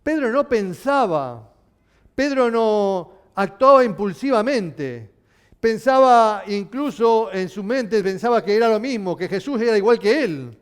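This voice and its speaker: Animated preacher. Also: male voice, sits high, measured pace, clear, resonant tone. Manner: animated, asking the congregation questions. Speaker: pastor. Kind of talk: sermon.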